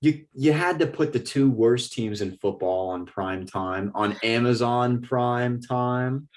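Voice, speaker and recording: A man's voice: medium pitch, slow pace, slight background noise. A young man co-hosting a sports podcast in casual chat, joking and getting worked up. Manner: joking, animated and exasperated. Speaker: podcast co-host. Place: in Ireland.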